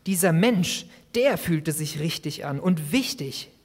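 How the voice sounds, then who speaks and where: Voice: mid-range voice, animated, slow pace, darkish tone, slightly rough. A youth preacher giving a sermon, retelling a story dramatically in the first person. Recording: long hall reverb.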